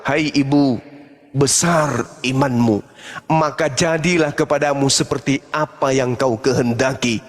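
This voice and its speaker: A stern male teacher speaks in a slow, low, grave voice, dropped far below the speaker's own, as a preacher acts him out. Each word lands heavily and echoes through a long hall. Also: fairly even intonation, lightly acted. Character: stern solemn male teacher refusing plainly.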